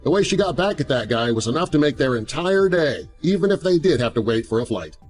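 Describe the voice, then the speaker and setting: Male narrator, scripted storytelling, slightly high voice, lively intonation, music behind. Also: brisk. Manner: animated storytelling. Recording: music under the voice. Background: background music.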